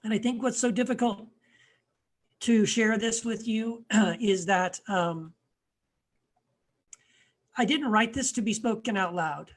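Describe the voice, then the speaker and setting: A man, an author and blogger, introducing his writing in a casual, hesitant way with frequent pauses and restarts, his voice often trailing off quietly. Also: sits high. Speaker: author and blogger, guest reader.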